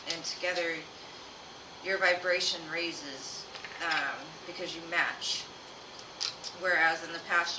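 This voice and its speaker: A woman talking informally and familiarly to viewers as the host of a live reading stream. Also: low-pitched. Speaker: live tarot reader and host. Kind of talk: casual livestream chat. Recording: roomy, distant mic, clear background noise.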